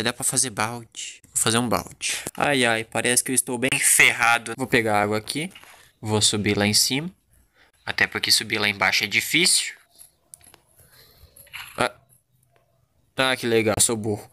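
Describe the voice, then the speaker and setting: A gaming YouTuber with a southern Brazilian Rio Grande do Sul accent gives joking, crude, jittery Let's Play commentary from home. His mid-range voice sounds pushed and bright.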